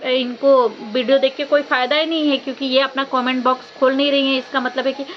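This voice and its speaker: A woman's voice: high voice, little pitch movement, fast talker. A woman vlogger giving chatty gossip commentary, asking many rhetorical questions and using fillers. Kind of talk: casual gossip commentary to camera. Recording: dull lo-fi sound with faint background noise.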